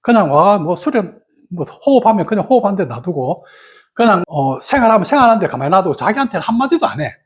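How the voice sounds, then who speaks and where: Meditation teacher, storytelling dharma talk, lively swooping pitch, mid-range voice. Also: quick pace. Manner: animated storytelling, many fillers, sudden pitch leaps.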